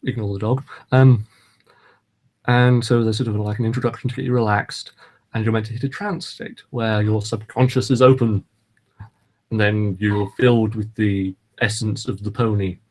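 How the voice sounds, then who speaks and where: A man's voice: on the low side, steady tone, moderate pace, a little mellow. Rambling man in casual podcast chat. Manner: rambling, hesitant, lots of ums and restarts. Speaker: podcast host.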